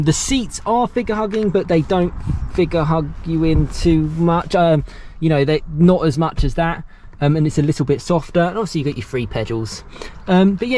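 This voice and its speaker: A young man talks through a casual car review outdoors, recorded on a camera mic. His voice sits a touch high, and he chats loosely with frequent small laughs. A faint hiss of noise runs underneath. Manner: chatty, loose, laughs between lines. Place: outdoors beside cars.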